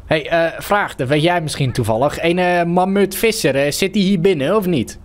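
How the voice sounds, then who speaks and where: A man's voice: fairly high pitch, normal speed. A man with a Dutch accent playing a game role-play character, defensive and indignant. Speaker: roleplay streamer.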